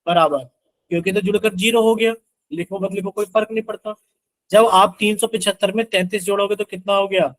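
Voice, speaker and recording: High-voiced man teaching a live math class. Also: fairly even intonation, a little fast, no room sound, rough recording. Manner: coaxing, repeatedly asks students to answer; works sums aloud with Hindi multiplication-table chants.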